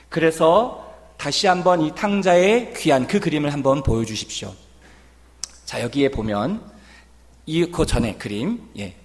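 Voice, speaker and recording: A male pastor delivers an emphatic sermon, his fairly high voice swinging widely in pitch. It rings out with a long church reverb, and his delivery climbs into fervent, pleading appeals. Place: church sanctuary.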